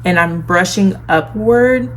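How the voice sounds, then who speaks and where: A woman's voice: fairly low pitch, slow pace, low-quality recording. A woman vlogger giving a casual, chatty makeup tutorial, talking familiarly to viewers with a lisp from the retainer she is wearing. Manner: girly, familiar asides to viewers. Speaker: beauty vlogger. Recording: clear background noise, room ambience.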